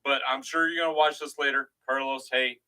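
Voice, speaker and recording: Lively bright man, slightly off-mic. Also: medium pitch, a little fast, smooth, distant mic. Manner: lively, mixes drinks while talking, mock-serious. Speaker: co-host of a live rum show. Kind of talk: casual live-stream banter.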